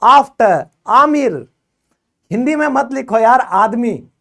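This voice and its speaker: Slow, encouraging male English teacher. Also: very high voice, lively intonation, pushed and bright. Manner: encouraging, quizzing students; explains in Hindi with English words. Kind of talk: classroom phonics lesson.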